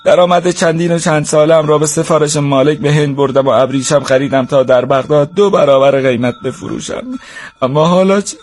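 A man's voice: fairly high pitch, steady tone, pitched above the performer's own voice, lightly acted. A man voicing an anxious young male merchant brooding to himself in a storybook. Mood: wistful. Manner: brooding inner monologue.

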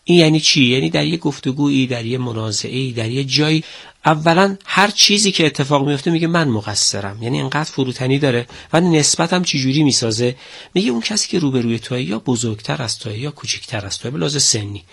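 A man of middle pitch speaking in a calm, measured lecture style on religious ethics. He slows down for quotations and gives poetry and sayings a reverent weight. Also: creaky, slightly rough. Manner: measured, quotes hadith and poetry with reverent emphasis. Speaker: researcher of Quranic sciences.

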